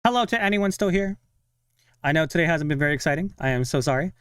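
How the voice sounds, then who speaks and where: A young fan streamer watches a live game and talks casually to his viewers, muttering to himself with frustrated sighs and quick laughs. His lively voice, a little above average pitch for a man, swings widely and sounds clean. The recording is close and dry, with no room echo.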